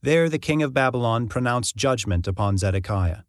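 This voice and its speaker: A man reading scripture aloud in steady, measured narration. His pitch sits at an ordinary middle, and the sound is dry and close with no room echo. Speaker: scripture reader.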